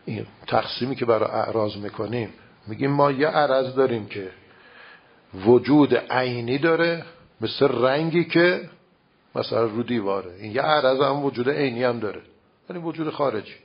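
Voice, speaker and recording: A man whose medium-pitched voice has a breathy edge explains religious philosophy in a casual lecture. He uses everyday examples and poses rhetorical questions; the recording is dull and lo-fi.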